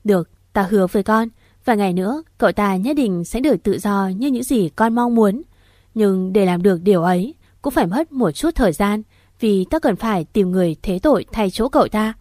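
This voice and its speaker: A woman voicing an older, powerful man who makes a promise in a brisk, persuasive way. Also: mid-range voice, lively intonation, warm tone, dry recording, clean studio sound, lightly acted.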